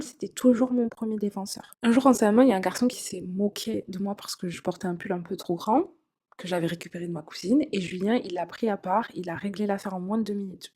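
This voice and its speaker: This is a young woman recounting something that happened to her, in a relaxed, confessional tone. She talks casually, dropping in filler sounds and little asides to whoever is listening. Her voice sits at an ordinary middle pitch. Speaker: storyteller. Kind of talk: first-person confessional storytelling.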